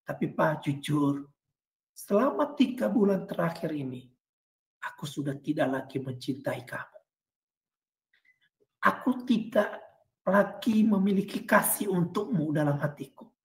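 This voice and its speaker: A woman's voice: deep voice, lively intonation, measured pace, vocal fry, pauses often, a little mellow, exaggerated voice. A woman preacher voicing a wife who hesitantly and earnestly confesses she no longer loves her husband. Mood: quiet confession. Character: pleading wife confessing lost love.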